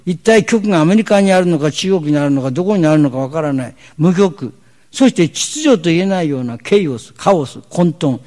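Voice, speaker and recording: Gravelly, emphatic male TV commentator. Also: a little high, warm tone. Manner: emphatic, rhetorical, sardonic lecturing with pointed questions. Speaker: host of a televised discussion seminar. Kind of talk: televised commentary monologue.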